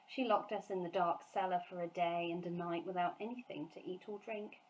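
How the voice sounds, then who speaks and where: A woman's voice: lowish voice, steady tone, fairly quick, lo-fi sound, lightly acted. A woman voicing a small orphan girl in a storybook, earnest, anxious and full of plaintive questions.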